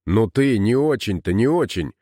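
A man's voice: fairly low pitch, expressive, moderate pace, warm tone, no room sound, studio quality. A man reading an audiobook, voicing a burly, bullying village headman who blusters and threatens. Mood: angry.

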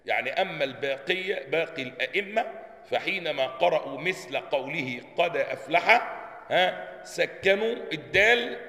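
A man's voice: a little high, lively intonation, normal speed, bright, forceful tone. A man with an Egyptian Arabic accent, a sheikh teaching Quran sciences, quizzing his listeners with repeated questions and sounding out pronunciations. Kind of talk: religious lesson explaining a text. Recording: long hall reverb, roomy.

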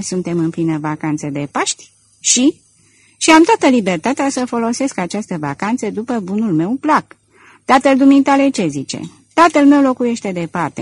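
A woman reading an audiobook, voicing a calm, courteous young male student with a husky voice. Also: lowish voice. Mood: amused. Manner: calm, courteous, quietly amused. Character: bright young male student, politely cheeky and unflappable.

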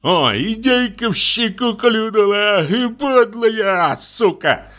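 Guy putting on a whiny tipsy fella, high pitched, swoopy and pleading. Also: lively intonation, slow, sharp tone, full character voice. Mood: whining. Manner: pleading, whining, high and coaxing. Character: fussy tipsy middle-aged man, pleading and whining. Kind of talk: audiobook character reading.

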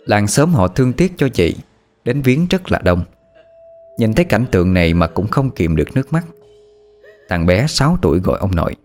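A man reading a sad story aloud in slow, mournful scripted narration. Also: lowish voice, big pitch swings, a little mellow. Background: faint music.

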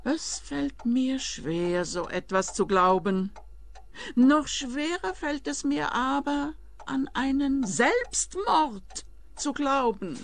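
Old grieving mom in a radio play, crackly voice, drawn out and emphatic. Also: female voice, sits high, expressive, slow pace, exaggerated voice. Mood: bitter, suspicious. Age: 70s. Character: grieving, insistent mother of nearly eighty. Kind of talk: scripted radio play acting.

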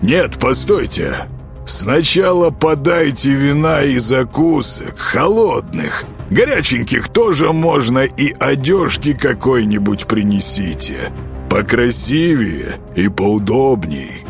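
A man's voice: medium pitch, sing-song, slow pace, gravelly, faint music behind, exaggerated voice. A man voicing a bossy, capricious girl disguised as a hoofed rider, giving orders.

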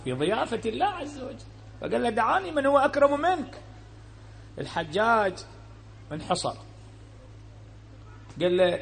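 High-voiced Iraqi preacher, swinging loud and low. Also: male voice, vocal fry, a little hiss or hum. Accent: Iraqi Arabic. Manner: swings between loud emphatic bursts and low quiet asides; acts out the speakers in his story. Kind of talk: sermon with storytelling.

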